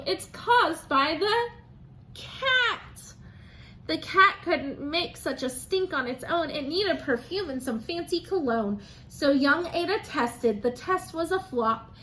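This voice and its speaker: A teacher with a very high-pitched voice reads aloud to young children in a sing-song, expressive way. She pauses to prompt her listeners for answers. A faint hiss or hum runs underneath.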